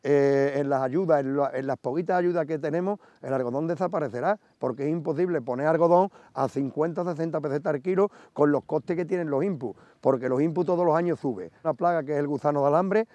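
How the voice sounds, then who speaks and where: A middle-aged farmers' spokesman protests firmly outdoors. His voice is a bit high yet mellow, captured dry and close. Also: fairly quick, hardly any pauses, dry recording. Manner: firm, protesting. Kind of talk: field interview. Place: outdoors in a cotton field.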